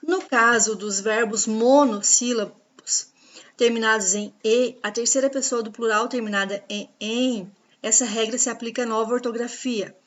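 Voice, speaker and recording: A woman teaching a grammar lesson, patiently explaining rules and spelling out examples slowly. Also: on the high side, fairly even intonation, dull audio. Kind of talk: grammar lesson over slides.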